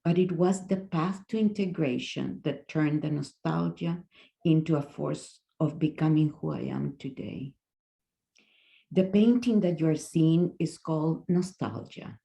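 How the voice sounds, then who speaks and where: Low, gravelly Chilean woman in her sixties. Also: measured pace, dark tone. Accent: Chilean Spanish. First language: Spanish. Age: 60s. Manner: hesitant, with fillers and restarts. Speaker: guest speaker. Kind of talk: presentation talk.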